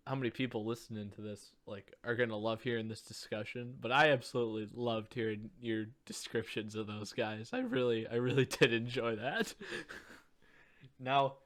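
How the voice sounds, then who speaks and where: A man's voice: medium pitch, a bit bright. A young man with a mid-range voice banters through a casual football podcast. He teases his co-host with a joking, easygoing delivery. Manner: joking, laughs between remarks. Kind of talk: casual sports chat.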